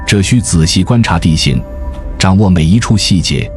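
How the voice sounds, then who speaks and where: A man reading a scripted nature documentary narration in a measured, storytelling way, as the narrator. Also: low voice, expressive, vocal fry. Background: music.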